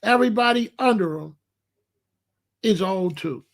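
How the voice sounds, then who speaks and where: This stream host's voice is high and gravelly, with lively intonation at a measured pace. Unscripted, he rants to chat in a blunt, repetitive, confrontational way and calls someone out directly.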